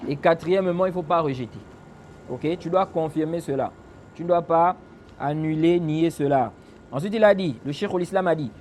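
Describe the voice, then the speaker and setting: Man, religious teacher, high-pitched voice, rhetorical questions, recites Arabic phrases, faint traffic noise behind. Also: a little mellow. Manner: asks the listeners rhetorical questions and answers them; recites Arabic phrases between French explanations. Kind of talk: explaining a classical text in a lesson.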